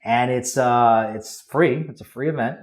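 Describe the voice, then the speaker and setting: A man speaking as a guest on a podcast, a copywriter explaining his methods in casual, high-energy interview talk. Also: a little slow.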